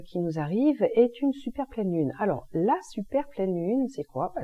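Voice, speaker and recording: Chatty woman, slightly dull recording. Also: on the low side. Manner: chatty and informal, uses slangy expressions. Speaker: energy healing and astrology presenter. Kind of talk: casual explanatory monologue.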